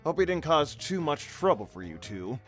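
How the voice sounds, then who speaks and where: A man voicing a calm, quietly knowing pizzeria owner in a fan animation, with an understated manner. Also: a little high, normal speed, faint music behind.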